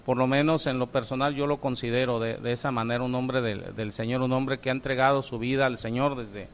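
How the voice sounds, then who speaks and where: A middle-aged man with a Mexican Spanish accent, a pastor giving an informal church talk with halting speech full of fillers and tag questions. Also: mid-range voice, fairly even intonation, a little hiss or hum.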